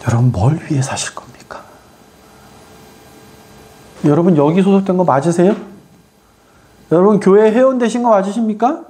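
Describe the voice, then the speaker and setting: A preacher delivering a sermon, firing rhetorical questions at the congregation and swinging between loud exhortation and quiet asides. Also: medium pitch, lively intonation, normal speed, pauses often, slight background noise.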